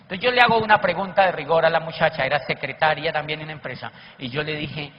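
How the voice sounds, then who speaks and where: A man, a network marketing speaker, telling animated seminar stories and acting out the people he quotes. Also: on the high side, quick pace. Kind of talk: motivational seminar storytelling. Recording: echoey hall, dull lo-fi, faint noise.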